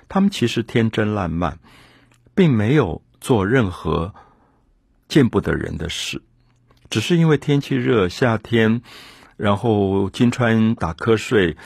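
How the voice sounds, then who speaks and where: A man with a low, husky voice gives an earnest literary lecture, thinking aloud and leaning on key words. The sound is close and dry, with no room around it. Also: no room sound.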